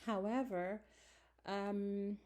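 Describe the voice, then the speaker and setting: She is in her forties, Moroccan by origin and raised in France, giving a leisurely self-introduction to a class with plenty of fillers and self-corrections. A close-held phone in a small room captures her medium-pitched, steady, slightly mellow voice.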